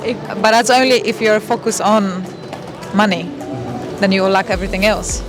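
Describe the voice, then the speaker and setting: A woman from Poland answering a street interview outdoors, deliberate as she builds her answer. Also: medium pitch, steady tone, over music. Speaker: passer-by.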